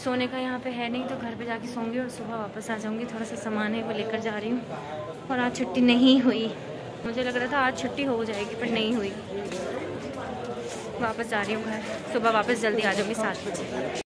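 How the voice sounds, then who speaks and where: A woman's voice: a little high, level tone, normal speed, a loud crowd. A woman chatting casually to her viewers in a vlog, talking straight to them with plenty of fillers. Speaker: vlogger. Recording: music playing underneath.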